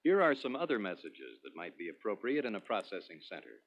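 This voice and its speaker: Low-voiced man narrating a dated product demo. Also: wildly swooping pitch, a little fast, a bit bright. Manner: instructional, clearly structured delivery. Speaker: product demonstrator, presenter. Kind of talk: scripted promotional narration. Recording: dull lo-fi 1980s demo recording.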